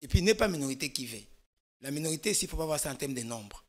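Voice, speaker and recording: A man's voice: on the high side, animated, racing. A man from Congo, a guest expert on a political talk show, explaining at length with emphasis and frequent restarts. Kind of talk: studio political discussion.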